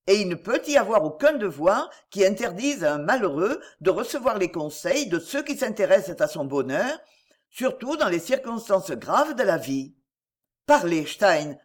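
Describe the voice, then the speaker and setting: A woman voicing a noble, middle-aged duke who speaks in an emphatic, insistent, earnest way. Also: medium pitch. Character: noble, warm but commanding duke, middle-aged man.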